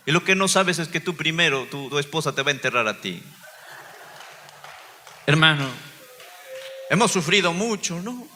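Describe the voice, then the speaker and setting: A man's voice: sits high, sharp tone, in a large hall. A man, a pastor, giving an impassioned sermon testimony, his voice swelling and dropping.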